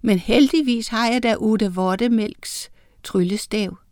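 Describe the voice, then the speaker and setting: Woman doing a lively kind young witch. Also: fairly high pitch, dry recording, clean studio sound, lightly acted. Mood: scolding. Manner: lively, exclaiming.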